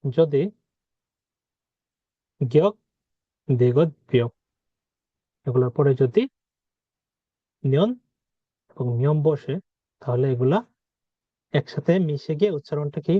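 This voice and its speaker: A man teaching a language lesson, explaining rules, asking questions aloud and repeating example words slowly. He is a native speaker of Bengali. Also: a little high, no room sound, lo-fi sound.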